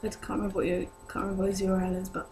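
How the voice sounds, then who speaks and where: Rapid-fire and monotone, a young British vlogger speaks with a medium-pitched, darkish voice as she takes viewer questions. She has a sore throat that makes her sound lower than usual, and she chats to camera casually, hesitantly and with plenty of rambling. The home recording is noisy and hums.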